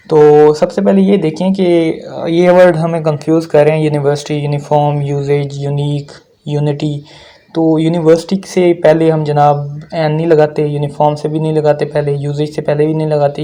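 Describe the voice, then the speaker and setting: Man, grammar lecture, mellow warm tone, slightly raised pitch, repeats and checks understanding. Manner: explains slowly, repeats words and checks with frequent "theek hai"; mixes Hindi-Urdu with English phrases. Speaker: grammar teacher. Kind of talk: recorded lecture.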